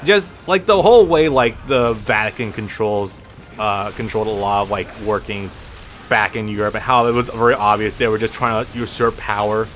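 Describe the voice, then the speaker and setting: A man's voice: fairly low pitch, normal speed, fairly bright tone, slight background noise. A man with a lisp giving casual, rambling gameplay commentary as a let's play host, swearing freely and restarting his sentences often. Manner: rambling, profane, frequent restarts.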